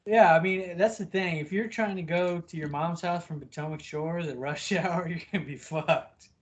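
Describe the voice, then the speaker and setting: A man's voice: a little high, normal speed. A man co-hosting a podcast, chatting casually in English and swearing freely as he banters about basketball. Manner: loose, profane banter. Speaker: podcast co-host. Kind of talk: casual chat.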